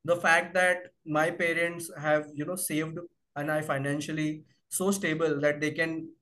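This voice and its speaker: A man's voice: fairly high pitch, level tone, measured pace, sharp tone. A man with an Indian accent chatting candidly and casually as a podcast guest, switching between two languages in informal, slangy speech with some swearing. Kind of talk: candid casual conversation mixing Hindi and English.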